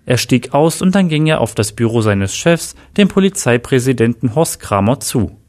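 Man narrator, mid pitch, plain even read-aloud horror narration. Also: moderate pace. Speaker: storyteller.

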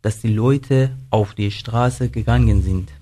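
A young man from Iran with an Iranian accent, a studio guest reading a prepared text in careful, measured learner's German. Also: lowish voice, dark tone. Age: young adult.

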